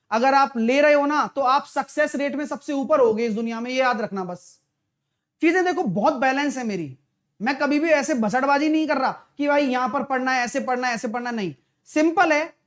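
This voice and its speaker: A male math teacher talking a live online exam-prep class through problems, brisk and coaxing, calling viewers brother and dear. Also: extremely high pitch. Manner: brisk, coaxing, chatty, mixes English terms, calls viewers brother and dear.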